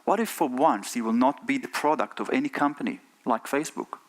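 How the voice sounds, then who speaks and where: Speaking a little fast at an ordinary pitch, an Israeli-accented middle-aged man gives a keynote talk from a conference stage. His delivery is earnest, and he frequently asks the audience rhetorical questions.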